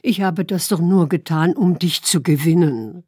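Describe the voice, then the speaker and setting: A woman voicing a poor young fisherman who speaks quietly and helplessly after lying to his wife. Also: fairly low pitch, a little slow, slightly rough, dry recording, clean studio sound.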